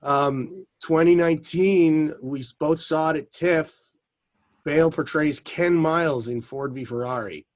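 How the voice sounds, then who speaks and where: A man's voice: a little high, dry recording. Chatty enthusiastic man, dry close mic. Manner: chatty, enthusiastic, quick asides. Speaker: podcast co-host. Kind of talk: casual film talk.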